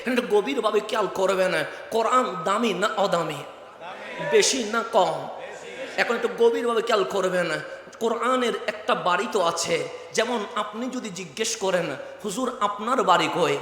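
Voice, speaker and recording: A very high, bright male voice with a Chittagonian accent preaches a waz sermon. He repeats phrases in a chanting rhythm and rises into loud shouts. His voice rings through an echoey hall with a long reverb tail. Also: moderate pace. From Chittagong, Bangladesh. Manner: rhythmic repetition building to loud shouted climaxes.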